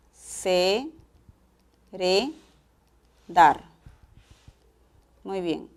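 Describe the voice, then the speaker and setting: A woman with a Peruvian accent teaching a pre-university class, explaining each step in a measured way. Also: medium pitch, darkish tone. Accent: Peruvian Spanish. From Peru. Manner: measured, explanatory, spells out syllable patterns.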